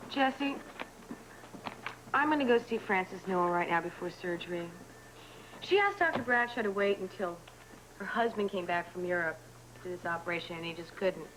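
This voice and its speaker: An actress playing a busy, tired hospital nurse in a 1980s TV soap, brisk and chatty. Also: female voice, lowish voice, background noise, lightly acted. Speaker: scrub nurse. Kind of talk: 1980s TV soap opera acting.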